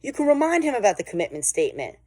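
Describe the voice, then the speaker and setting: A woman's voice: fairly high pitch, very animated, rapid-fire, darkish tone, no echo. A woman giving an emphatic, motivational sales coaching lesson. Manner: emphatic and motivational, pushes with intensity. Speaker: sales trainer. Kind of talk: instructional sales coaching talk.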